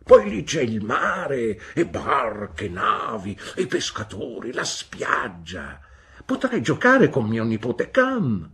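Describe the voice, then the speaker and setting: A woman voicing an eager, homely nursemaid who coaxes and exclaims, in a husky voice, in an audiobook reading. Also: low-pitched, wildly swooping pitch, moderate pace, voice pushed up, exaggerated voice. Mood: enthusiastic. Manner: coaxing and exclamatory. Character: eager, coaxing female nursemaid, hearty and homely. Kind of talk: audiobook character voice.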